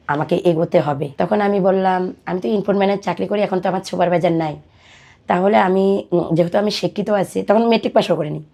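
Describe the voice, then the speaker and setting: In a fairly low, dark voice, a young woman from Dinajpur, Bangladesh, tells her life story as a podcast guest. She is in her twenties, speaks conversationally, and passes along what people said to her. Background music runs under her speech.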